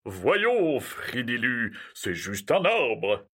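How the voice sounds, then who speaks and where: A jolly, carefree old Father Christmas in an audio storybook. He speaks slowly, with a lively, swinging melody and a bright tone. His manner is calm and reassuring, brushing off every worry. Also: mid-range voice, husky, heavily acted. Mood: jovial.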